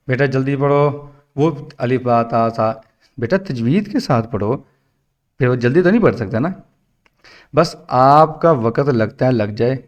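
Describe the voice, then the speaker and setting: A man teaching a tajweed lesson online, patiently explaining and drawing out letter sounds slowly while mixing English words into his teaching. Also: medium pitch, darkish tone. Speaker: Quran teacher. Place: at home for an online class. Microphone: computer mic on a video call.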